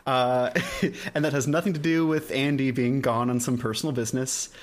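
A man's voice: mid-range voice, steady tone, normal speed, background noise. A man hosting an anime podcast in casual chat, joking and laughing often. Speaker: podcast host.

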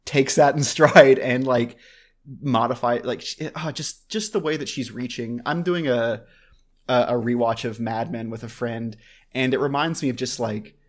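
Man, casual chat, rambling, many restarts, mid-pitched voice. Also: moderate pace. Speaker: podcast co-host.

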